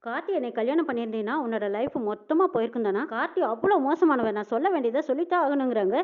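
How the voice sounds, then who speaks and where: A woman with a high voice rattles through a family drama, acting out each character's lines as she goes. Her voice comes through thin and tinny, like a phone line. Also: expressive. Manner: retells a family drama in quick colloquial speech, voicing each character's lines. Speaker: storyteller. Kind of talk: dramatic story narration with acted dialogue.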